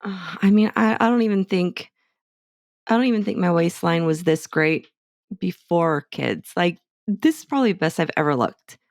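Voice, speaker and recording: Middle-aged woman from Hawaii, candid interview guest, slightly low voice, dry recording. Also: animated, moderate pace, a little mellow, no room sound. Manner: candid, chatty, self-assured. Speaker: interviewee, clinic staff member. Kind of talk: casual interview.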